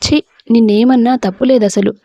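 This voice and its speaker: A woman's voice: fairly high pitch, fairly even intonation, normal speed, dark tone, slightly rough, no room sound, dull audio. A woman voicing a bitter, resentful young husband who snaps scornfully. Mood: angry. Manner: scornful, snapping.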